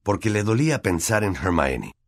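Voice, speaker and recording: A man with a Latin American Spanish accent reading an audiobook in a measured, steady storytelling manner. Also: low-pitched. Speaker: audiobook narrator. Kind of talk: scripted audiobook narration.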